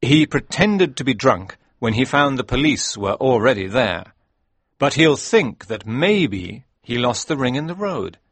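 A confident male detective, voiced by a man reading the story aloud. He speaks briskly and with command, his voice slightly husky. The sound is close and dry, with no room around it. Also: medium pitch, very animated, no echo, pitched above the performer's own voice, full character voice. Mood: explaining. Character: Sherlock Holmes, sharp confident male detective. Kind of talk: audiobook reading.

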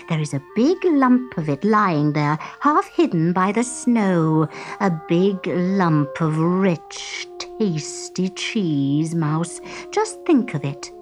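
A woman voicing a sly female cat who whispers and coaxes slowly in a storybook reading. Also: fairly low pitch, voice pushed down. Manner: whispering, coaxing.

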